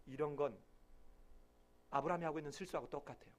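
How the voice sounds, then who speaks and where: During his sermon, this pastor speaks fast in a slightly high voice, voicing quotations with abrupt loud outbursts and letting each phrase trail off into a murmur.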